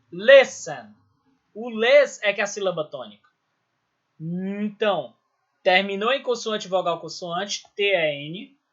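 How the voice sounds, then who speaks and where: A man's voice: sits high, pushed and bright, lo-fi sound. A man with a Brazilian Portuguese accent teaching an English grammar lesson step by step, often checking in with his students. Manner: explains step by step, checking in with "certo?" and "beleza?". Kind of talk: recorded school lesson.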